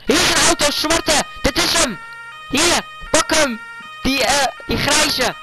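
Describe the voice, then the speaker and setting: A male vlogger giving live gaming commentary, making urgent, hurried calls to a teammate. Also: very high-pitched, music in the background, low-quality recording.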